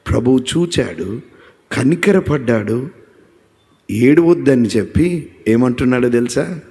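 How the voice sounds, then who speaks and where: A man preaching a sermon as pastor, fervent and building to loud exclamations. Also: medium pitch, animated, a little slow, husky. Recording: long hall reverb.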